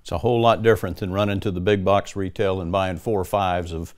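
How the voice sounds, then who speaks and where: A man's voice: deep voice, steady tone, fast. A man co-hosting a studio talk show, dropping brief, dry asides.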